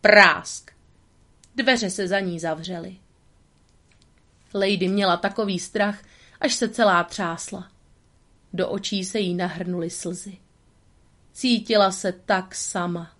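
Brief: woman narrator, calm and steady storybook reading. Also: mid-range voice, long pauses.

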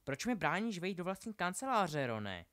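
A man's voice: high-pitched, sing-song, fairly bright tone, voice pushed up. A man voicing a grown woman, a witch who coaxes and then scolds insistently, in a home audiobook reading.

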